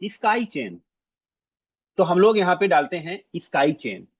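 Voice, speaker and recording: A man giving a casual screen-share walkthrough, talking to his audience in an animated way, repeating phrases and mixing in English words. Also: high voice, unhurried, no echo. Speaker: presenter.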